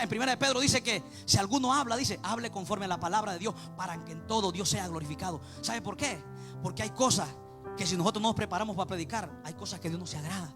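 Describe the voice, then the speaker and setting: A man preaches with fervor in a strikingly high, quick voice, a gravelly rasp running through his words. He leans on repeated refrains and lifts into chanted, sing-song lines. Faint music plays underneath. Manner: impassioned, repeats "mi amado hermano", chants some lines. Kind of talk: sermon.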